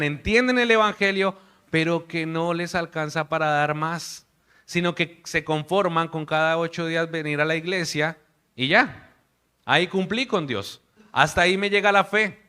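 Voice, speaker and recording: Bright, clear-voiced Colombian preacher. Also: male voice, high voice. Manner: earnest, warm preaching with hushed prayer. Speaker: missionary preacher. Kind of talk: sermon.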